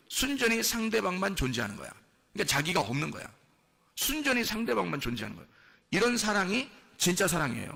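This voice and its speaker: A man's voice: high voice, creaky, pushed and bright. A man preaching a sermon in a conversational way. He repeats himself often and asks the congregation questions. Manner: conversational preaching with many fillers. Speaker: pastor.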